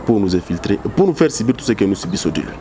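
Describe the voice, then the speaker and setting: A man's voice: lowish voice, big pitch swings, racing, dark tone, slight background noise. A man with a Congolese French accent, a political analyst answering interview questions with passion and many restarts. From Democratic Republic of the Congo. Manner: impassioned, repetitive restarts.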